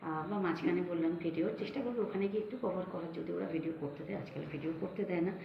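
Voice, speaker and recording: A middle-aged woman with a hoarse voice, chatting casually to her viewers in a lifestyle vlog while out near home. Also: on the low side, racing, highs cut off. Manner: chatty, addresses viewers directly. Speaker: lifestyle vlogger. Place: out and about near home and shops. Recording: loud background noise.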